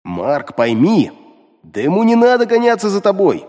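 A man's voice: high voice, wildly swooping pitch, moderate pace, big-room sound, pitched above the performer's own voice. A man voicing a crude, mocking male demon who scolds the hero in an audiobook. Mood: scolding. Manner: scolding, rude, sharp-tongued. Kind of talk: audiobook character voice.

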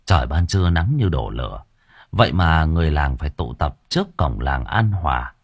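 A man narrating an audiobook story in a dramatic, expressive way. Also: rumbling low, moderate pace, gravelly, husky, no room sound, studio quality.

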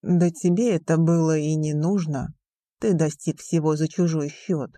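A woman's voice: deep voice, fairly even intonation, warm tone, dry recording. A woman voicing a cold sneering young man. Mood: scornful. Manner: slow, cold, sneering delivery.

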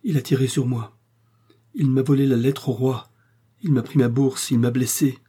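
A man voicing a wounded, feverish young gentleman who speaks in halting phrases. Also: mid-range voice, steady tone, breathy edge, voice pushed up, close to an everyday voice. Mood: delirious.

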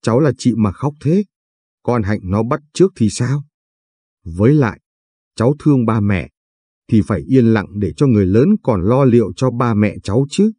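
Gentle comforting aunt, voiced by a man. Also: mid-range voice, lively intonation, moderate pace, slightly rough, no echo. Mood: soothing. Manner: soothing, choked up. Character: gentle aunt comforting her grieving niece.

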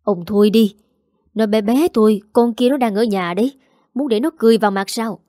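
A woman's voice: on the high side, brisk, warm tone, no echo, studio quality, close to an everyday voice. A woman voicing a stern middle-aged mother who scolds her son sharply. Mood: scolding.

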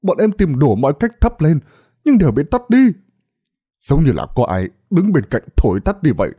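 A man voicing frightened villagers and a gruff old exorcist in urgent, rushed dialogue. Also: fairly high pitch, very animated, warm tone, pitched above the performer's own voice. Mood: panicked.

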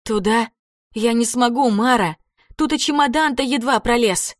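A woman's voice: on the high side, moderate pace, no room sound, studio quality, voice pushed up, natural voice. A woman voicing a frightened young girl who pleads. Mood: afraid.

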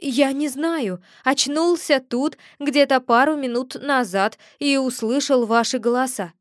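A woman's voice: high-pitched, unhurried, no room sound, studio quality. A woman voicing a polite, frightened man trapped under a floor, pleading and whining. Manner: pleading, whiny, courteous.

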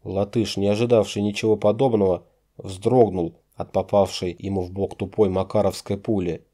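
Low dark-toned guy reading an audiobook, measured, dramatic. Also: flat delivery. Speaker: audiobook narrator. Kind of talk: scripted narration.

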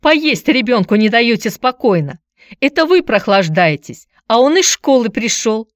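A woman voicing a fussy, protective middle-aged aunt who talks in a shrill, quarrelsome way in an audiobook. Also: sing-song, moderate pace, no room sound, clean studio sound, lightly acted. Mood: shrill angry. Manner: shrill, shouting and rattling words off.

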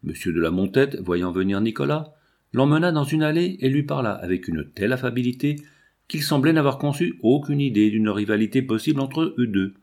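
A man narrating a classic novel as an audiobook in a measured, expressive way. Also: mid-range voice.

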